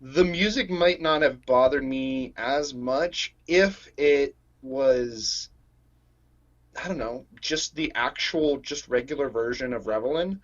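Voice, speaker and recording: A man's voice: medium pitch, slow. A man co-hosting a podcast, laid-back and chatty with frequent hesitations. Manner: laid-back, laughs often, hesitant fillers. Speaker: podcast co-host. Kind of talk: casual podcast chat. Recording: dull lo-fi mic.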